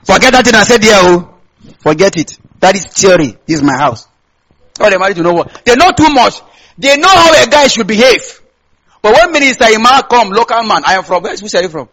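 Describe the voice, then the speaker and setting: Male sermon voice, Nigerian Hausa accent, high and rough-edged, conversational delivery with repetition and call-out questions. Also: expressive, brisk, a bit bright, low-quality recording. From Kaduna State, Nigeria. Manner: conversational, repeats phrases, asks listeners to complete or confirm lines. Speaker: preacher. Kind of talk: sermon to a congregation.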